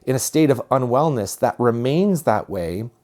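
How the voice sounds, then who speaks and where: A man of ordinary, mid-range pitch talks through spiritual ideas in a calm, reflective way. He takes his time and circles back over phrases for emphasis, like a teacher guiding his listeners. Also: normal speed.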